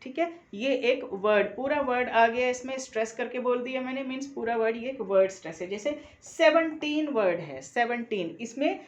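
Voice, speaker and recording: A woman's voice: on the high side, fairly quick, few pauses. A woman with an Indian accent, giving a classroom lecture and patiently restating each point several times. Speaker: teacher-education lecturer. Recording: roomy echo.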